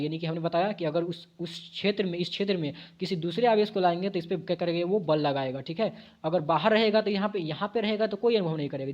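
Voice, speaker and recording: Man, high voice, physics lesson, step-by-step explaining, self-correcting, quizzing viewers, dull lo-fi sound. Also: a little mellow. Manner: repeats key points as questions to the viewers. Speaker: physics teacher. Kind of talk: exam-prep physics lesson.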